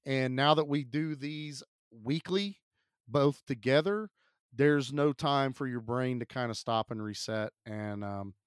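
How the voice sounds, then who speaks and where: A man co-hosting a movie podcast in casual chat, his voice rough from being sick, upbeat and chatty with lots of fillers. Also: medium pitch, measured pace, dry recording, clean studio sound. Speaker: podcast co-host.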